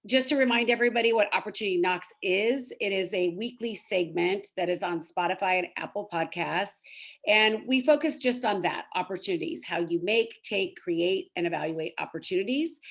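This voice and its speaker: A woman with a mid-pitched voice hosts an informal interview show. She is effusive and complimentary, and builds her sentences loosely as she introduces and questions a guest. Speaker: podcast host, interviewer. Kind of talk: casual podcast interview.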